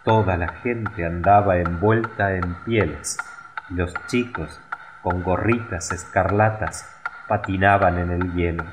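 Slow, deep-voiced male storyteller. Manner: slow, measured, expressive reading. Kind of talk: scripted storybook narration. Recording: noisy recording with clicks.

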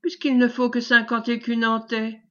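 A shy young peasant lad, read by a woman speaks in halting rustic phrases, earnest and humble. The voice sits fairly high. The recording is dull and lo-fi. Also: flat delivery, pushed and bright. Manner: hesitant, rustic country speech.

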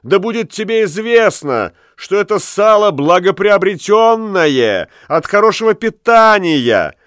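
A man's voice: high-pitched, sing-song, measured pace, fairly bright tone, clear, resonant tone, dry recording, clean studio sound, voice pushed up, exaggerated voice. A man voicing a stout, peaceable male companion who gets indignant and pleads.

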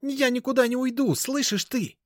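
A man voicing a distraught young woman who shouts and is close to tears. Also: high voice, normal speed, dry recording, voice pushed up. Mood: furious.

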